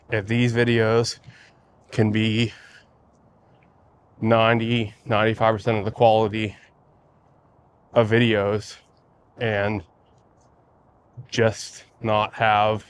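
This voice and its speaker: A man with a fairly low voice chats casually while out walking, recording a vlog. His delivery is flat and musing, with halting phrases. Faint outdoor noise sits behind him. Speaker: vlogger. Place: outdoors, walking by lakes in a neighborhood before sunrise.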